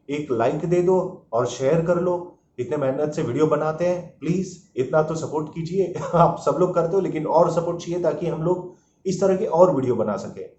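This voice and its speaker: A man with a slightly high, darkish voice casually reviews motorcycle gear as a vlogger, weaving English phrases into his explanations. It's recorded in an echoey room, and the sound comes across dull and muffled with faint noise underneath.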